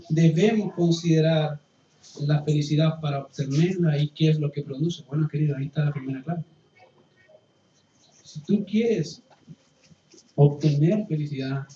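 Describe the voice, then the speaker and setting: A man preaching a sermon as pastor, impassioned, swinging from loud pleading to hushed, quiet passages. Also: a little high, measured pace, pauses often, a little hiss or hum. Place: church hall. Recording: roomy, distant, dull church recording with faint ambience.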